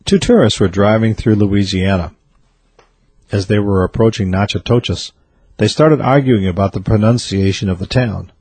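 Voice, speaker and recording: Man, joke teller, deadpan, husky, dry recording. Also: on the low side, moderate pace, dry recording. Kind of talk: reading jokes aloud.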